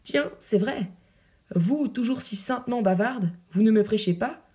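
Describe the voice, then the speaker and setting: A woman voicing an aging male poet-soldier, proud and teasing but secretly dying, reading verse drama with a gently mocking, lyrical delivery. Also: on the high side, animated, a little slow. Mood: wry.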